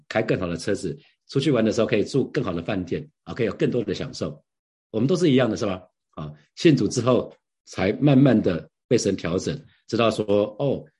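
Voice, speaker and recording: Male pastor, middle-aged; low husky voice, earnest and conversational devotional talk. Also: a little mellow. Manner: earnest, conversational, with rhetorical questions to the listeners. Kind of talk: devotional Bible sharing.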